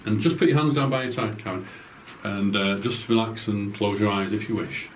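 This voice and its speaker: A man leading a night-time ghost hunt as a medium, calm and reassuring, often stumbling over his words. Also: on the low side, normal speed, a little hiss or hum. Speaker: medium leading a paranormal investigation. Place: indoors in a house at night.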